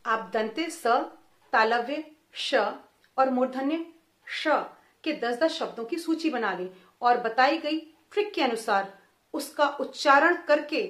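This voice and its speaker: A woman teacher explaining pronunciation to young children, sounding out each example slowly and carefully. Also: high-pitched, lively intonation, a bit bright, roomy sound. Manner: slow, careful sound-by-sound demonstration. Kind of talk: children's lesson.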